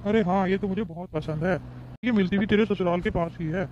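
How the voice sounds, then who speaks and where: A man's voice: high voice, fairly quick, a little mellow, slight background noise, lightly acted. A man voicing a blunt Indian elder brother in a cartoon, talking in a casual brotherly way. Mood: jovial. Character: Indian elder brother, gruff then remorseful. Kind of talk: cartoon voice acting. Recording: dull lo-fi sound. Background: background music.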